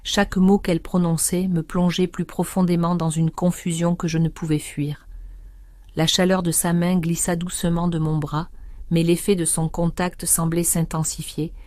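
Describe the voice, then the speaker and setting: Low-voiced woman narrating a story. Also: no echo. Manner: even, measured storytelling. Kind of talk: scripted first-person narration.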